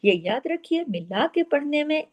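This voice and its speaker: A woman teaching Quran recitation rules, explaining step by step and then reciting words slowly and drawn out. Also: high voice, big pitch swings, a little mellow. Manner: asks the listener quick questions and answers them herself. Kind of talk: tajweed lesson with slow demonstrated recitation.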